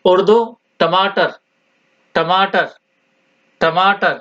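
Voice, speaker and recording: A man with a high voice teaches vocabulary at a very slow pace. He says each word again and again, with long pauses between repeats. The recording sounds dull and muffled. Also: fairly even intonation, bright, forceful tone. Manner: repeats each word several times, deliberate. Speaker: language teacher.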